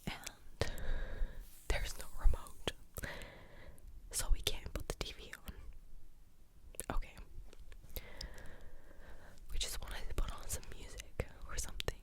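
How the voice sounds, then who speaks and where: A young adult woman whispers a rambling, informal ASMR storytime close to the ear in a breathy, clicky, unvoiced whisper with a mildly exasperated manner. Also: slow, long pauses. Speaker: ASMR creator telling stories. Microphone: close ASMR stereo mic at the ear.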